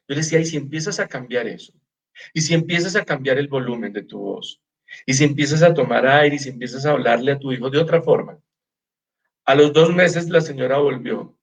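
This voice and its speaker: A man with a Colombian accent, a doctor giving an informal wellness lecture, telling patient stories and softly acting out their replies, often repeating words as he searches. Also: medium pitch, slightly rough, dull audio. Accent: Colombian Spanish. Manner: animated storyteller, acts out patients' replies softly.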